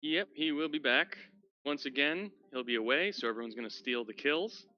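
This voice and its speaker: A man's voice: a little high, moderate pace. A man in casual pre-game chat, upbeat as he introduces the session. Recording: slightly dull lo-fi mic.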